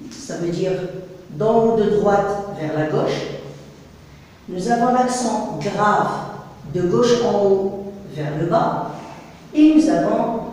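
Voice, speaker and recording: A woman teaching a French lesson in a classroom, explaining slowly and carefully and often checking "d'accord?". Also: mid-range voice, mellow. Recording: echoey classroom with long reverb.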